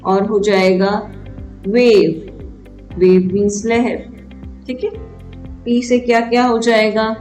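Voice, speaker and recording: A woman's voice: mid-range voice, darkish tone. A woman teaching a children's English grammar lesson, asking simple questions and spelling each word letter by letter. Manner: spells words out letter by letter, asks and answers own questions. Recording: echoey room, voice from a distance, faint music.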